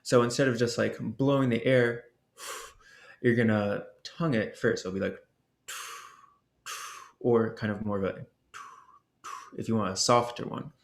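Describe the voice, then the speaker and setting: A man presenting an ocarina workshop, explaining technique in a relaxed way and sounding out the syllables as he goes. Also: mid-range voice, a little slow, creaky, pauses often. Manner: casual, explains with demonstration syllables and fillers. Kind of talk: instructional explanation. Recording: roomy echo.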